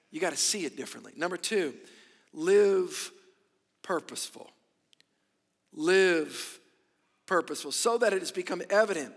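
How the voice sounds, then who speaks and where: A middle-aged male preacher delivers a sermon into a pulpit microphone, his voice high and forceful. The sound rings with long hall reverb. He drives points home by repeating phrases and asking pointed rhetorical questions. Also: creaky. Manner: emphatic, repeats key phrases, poses rhetorical questions to the congregation. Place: large hall, preaching to a congregation.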